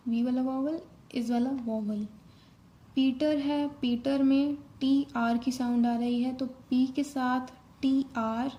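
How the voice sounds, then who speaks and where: A woman teaches shorthand, calling out letters and strokes one by one. Her voice sits high but mellow, and her pace is unhurried and steady. She moves easily between Hindi and as she explains. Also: lo-fi sound. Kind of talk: step-by-step tutorial explanation.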